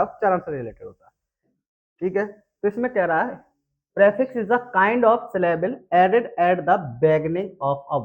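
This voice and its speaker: Male exam-prep tutor, high-pitched, mixes English terms into Hindi, quizzes himself aloud. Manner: explains in Hindi mixed with English terms, asks and answers his own questions; spells words out slowly, letter by letter. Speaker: English teacher.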